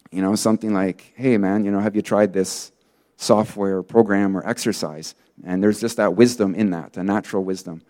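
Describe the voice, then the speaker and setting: Male preacher, lower register, relaxed testimony style with filler words and animated quotes. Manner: casual storytelling, many fillers; acts out quoted people in lively bursts. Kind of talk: sermon testimony.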